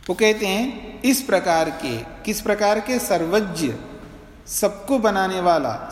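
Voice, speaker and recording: A man, a swami, giving a patient classroom lecture on scripture, slowly repeating verses syllable by syllable and checking that his students follow. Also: sits high. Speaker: swami teaching philosophy. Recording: roomy hall reverb.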